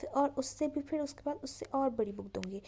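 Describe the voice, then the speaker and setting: A woman voicing a kind, patient woman teacher who speaks softly and soothingly to a frightened pupil. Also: sits high, brisk, slight background noise. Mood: gentle coaxing. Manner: soft, soothing, coaxing.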